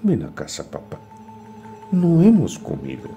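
A man's voice: medium pitch, big pitch swings, unhurried, warm tone, soft background music, pitched above the performer's own voice. A man reading a poem aloud and voicing a six-year-old boy begging his father to come home. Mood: pleading. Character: frightened little boy, about six, pleading.

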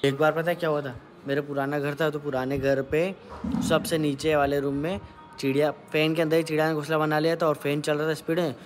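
A man's voice: on the high side, flat delivery, fairly quick. Chatty male vlogger, noisy audio. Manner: chatty, talks to camera and coos at a baby. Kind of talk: casual family vlog chat.

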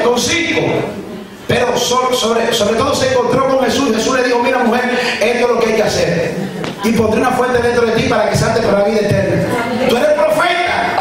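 A man in his thirties preaching a fervent sermon as pastor, often shouting, into a handheld microphone in a church hall. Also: very high voice. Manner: fervent, often shouting, gesturing with raised arm. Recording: very echoey hall, from far off, music behind.

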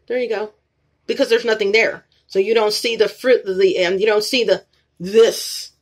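Indoors in her apartment room, a woman vlogs with her phone camera facing the ceiling, rambling and going over the same points as she addresses viewers. She has a medium pitch, fairly even intonation and normal speed.

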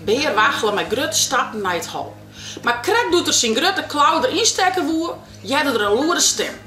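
A woman from Friesland reading a picture book aloud to a child in a playful, animated way. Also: high voice, moderate pace. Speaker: children's storyteller. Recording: roomy with soft guitar music.

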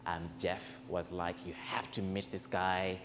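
Addressing a seated audience in a reverberant hall with faint background noise, a young Zimbabwean man hosts a community event and speaks about gratitude into a handheld mic. His low voice barely moves in pitch and keeps a measured pace. He comes across as earnest, warm, personal and grateful.

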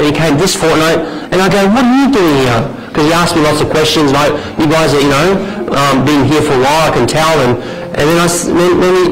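A middle-aged man from Romania, earnestly teaching a discipleship class and often restarting his sentences. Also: fairly high pitch. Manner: earnest, restarts a lot, gestures while standing. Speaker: discipleship trainer. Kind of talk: teaching talk with stories. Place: small indoor meeting room. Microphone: far camera. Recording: echoey room with background noise.

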